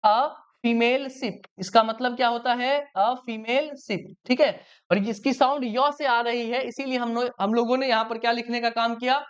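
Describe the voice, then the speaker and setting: A woman's voice: on the high side, fairly even intonation, a little fast, clear, resonant tone. Woman teacher, grammar lesson for kids, questions then answers herself, resonant, dull lo-fi sound.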